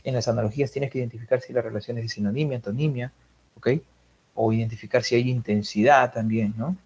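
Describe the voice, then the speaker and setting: A man's voice: medium pitch, fairly even intonation, quick pace, darkish tone, slightly rough, lo-fi sound. A man with a Peruvian Spanish accent teaching a vocabulary class, listing synonyms and checking in with his students. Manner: drills vocabulary lists, checks in with students often. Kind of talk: online class lecture.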